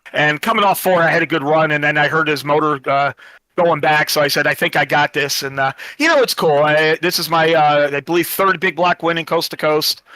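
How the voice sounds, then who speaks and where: Man, winning driver, casual post-race interview, bright sharp tone, dry close sound, rambling and grateful. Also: on the high side, no echo. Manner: rambling and thankful, heavy on fillers. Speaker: winning sim racing driver.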